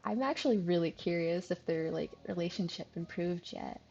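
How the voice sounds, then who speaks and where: A woman's voice: on the low side, moderate pace, creaky, dark tone, muffled recording, soft background music. A woman streaming a visual novel, chatting casually and giggling, with lots of fillers.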